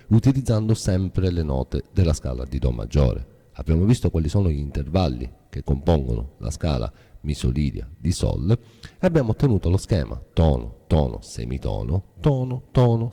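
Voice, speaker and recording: Very deep gravelly-voiced man teaching guitar theory. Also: dark tone, in a large hall. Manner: patient, methodical, repetitive. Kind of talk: explaining music theory step by step.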